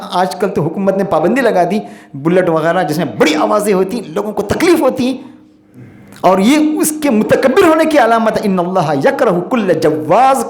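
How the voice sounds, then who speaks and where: A man, an imam, giving a Friday sermon with earnest exhortation and recited Arabic verses. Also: sits high. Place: mosque. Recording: echoey mosque hall.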